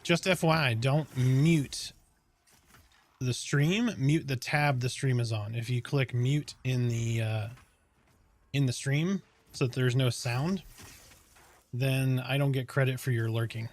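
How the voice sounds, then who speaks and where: On a game live stream, a man with a calm, soothing, mid-range voice chats casually, taking it slowly as he explains things step by step in a relaxed, rambling way.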